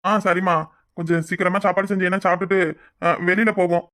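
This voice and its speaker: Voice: medium pitch, little pitch movement, fast, fairly bright tone, close to an everyday voice. A voice actor playing a coaxing young village husband in a cartoon, with a Kanyakumari Tamil accent. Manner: coaxing, pleading.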